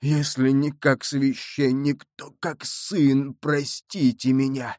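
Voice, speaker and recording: A man's voice: medium pitch, flat delivery, slow pace, darkish tone, dry recording, studio quality, lightly acted. A man reading an audiobook and voicing a dying executioner who pleads for forgiveness in a faint, desperate voice. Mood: begging. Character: dying guilt-ridden male executioner begging forgiveness.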